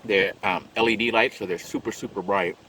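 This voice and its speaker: Sitting in his parked van, a man eats and describes his meal in detail as mukbang commentary, chatting unhurriedly. His lowish voice is fairly quick with fairly even intonation, and the background is noisy.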